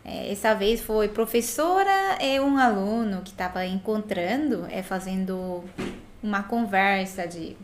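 A woman's voice: medium pitch, expressive, measured pace, a little hiss or hum. A woman giving a casual language lesson as a Korean teacher, patiently repeating words for the learner to echo.

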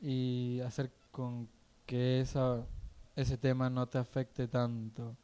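A man's voice: medium pitch, monotone, slow pace, dark tone, clear, resonant tone. A man co-hosting a podcast, agreeing supportively and chiming in often during casual conversation. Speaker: podcast co-host.

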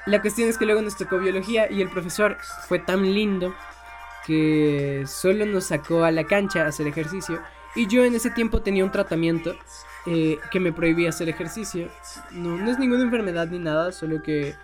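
A man's voice: a little high, brisk, music in the background. A young man casually telling a personal story, swearing freely and laughing often.

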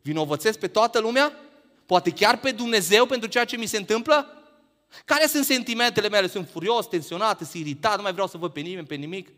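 A man preaching a sermon, firing rhetorical questions that climb to emphatic peaks and then drop low. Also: sharp tone, long reverb tail.

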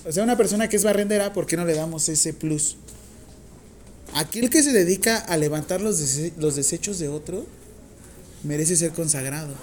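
A woman with a Mexican accent teaching a nursing class, talking casually with slang, dictating slowly and firing questions at the students. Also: fairly low pitch, a little mellow, slight background noise. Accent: Mexican Spanish. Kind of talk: classroom lecture.

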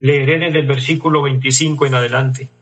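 A man's voice: mid-range voice, steady tone, a little fast. A man preaching a sermon in an earnest, pleading way, reading scripture aloud to his listeners.

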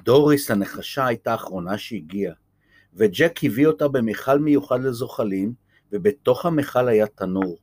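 A man reading a children's chapter book aloud, gentle and lively. His voice sits at an ordinary pitch, and the sound is dry and close. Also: dry recording. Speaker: storyteller.

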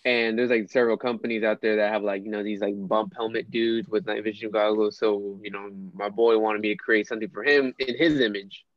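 A man of middle pitch, a guest on a casual podcast, talks haltingly and fills his pauses with ums and uhs. His voice comes through a dull, muffled line and sounds dry, with no room echo. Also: steady tone. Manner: hesitant, full of ums and uhs. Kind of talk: casual chat.

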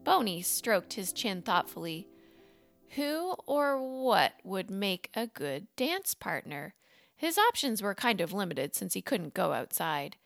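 A woman narrating a children's storybook in an animated, expressive way. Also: mid-range voice, takes it slowly, vocal fry, no echo, faint music behind.

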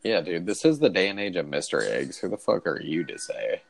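A man's voice: low-pitched, very animated, brisk, vocal fry. A man bantering casually like a frat bro, swearing heavily and using lots of slang.

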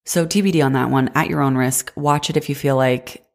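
A woman's voice: very deep voice, steady tone, a little fast. A woman in her twenties hosting a casual solo podcast, sick and congested, with a nasal voice and a chatty manner full of "like". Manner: chatty, frequent "like" fillers. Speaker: podcast host.

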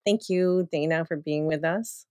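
A woman's voice: low-pitched, a little slow, darkish tone, no room sound, clean studio sound. A woman hosting an interview podcast, reading a scripted intro and then asking loose questions with fillers. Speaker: podcast host.

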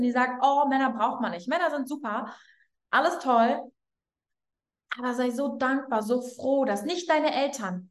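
A woman hosting a mindset podcast, guiding the listener through slow, emphatic affirmations and speaking to them directly. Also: high voice, echoey room. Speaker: podcast host, mindset coach. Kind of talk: guided affirmation coaching.

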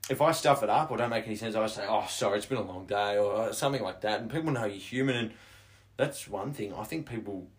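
A man's voice: on the low side, fast talker. A young man co-hosting a casual chat podcast, telling stories with lots of laughter. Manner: laughs often, animated storyteller. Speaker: podcast co-host, real estate agent.

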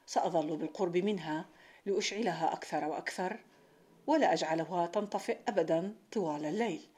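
A woman reading the lines of a wise, kind old village sheikh who speaks calmly. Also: fairly low pitch, quick pace, slightly rough. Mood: reassuring. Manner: calm, reassuring.

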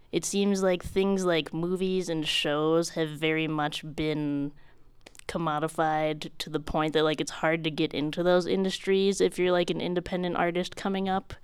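A young woman chatting casually about games, talkative and quick, laughing often and filling with "like". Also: deep voice, clear, resonant tone, no echo.

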